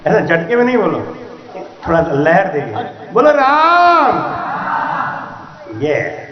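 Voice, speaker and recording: A man singing devotional verses in long, drawn-out lines and preaching at a night gathering through a handheld mic. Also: on the high side, roomy sound, lo-fi sound. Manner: slow drawn-out singing, then quick lively preaching to a crowd. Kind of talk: devotional singing and satsang sermon. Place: night gathering before a crowd.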